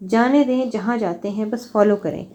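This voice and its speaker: A male officer in an audio novel, voiced by the woman reader. He issues careful instructions in a steady, authoritative tone. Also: medium pitch, close to an everyday voice. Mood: firm. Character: male officer in charge, giving orders by phone.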